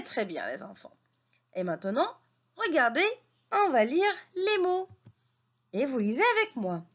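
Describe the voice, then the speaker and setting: A woman teacher leads young children through a reading lesson. She speaks very slowly and lifts her voice in lively swoops of pitch as she praises them and has them repeat after her. The recording sounds a little dull and lo-fi. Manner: slow, clearly articulated, encouraging.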